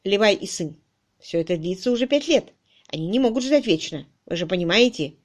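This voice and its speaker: A woman voicing a brash, blustering male debt collector who speaks loudly and stretches his words. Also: medium pitch, lively intonation, natural voice. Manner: loud, emphatic, drawn-out words.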